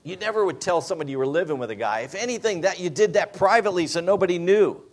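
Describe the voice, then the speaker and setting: A man's voice: high voice, animated, fast talker. A man in his fifties, a pastor, preaching a sermon with emphatic rhetorical questions to a congregation. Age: 50s.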